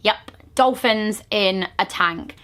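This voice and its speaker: A woman's voice: mid-range voice, takes it slowly. A woman talking casually to viewers as a travel vlogger, chatty and given to exclaiming. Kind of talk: casual travel vlog narration. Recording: loud music and busy crowd noise. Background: music, crowd chatter.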